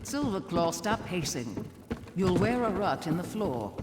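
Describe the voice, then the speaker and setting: An actress playing a stubborn, sarcastic retired thief in a game cutscene, speaking in a dry, exasperated way. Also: female voice, on the low side, very animated, measured pace, in a large hall, very noisy. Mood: wry.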